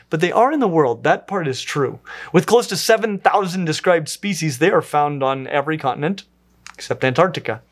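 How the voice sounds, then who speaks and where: A man narrating nature facts, slightly high voice. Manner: dry wry asides. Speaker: educational video host. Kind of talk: scripted science narration.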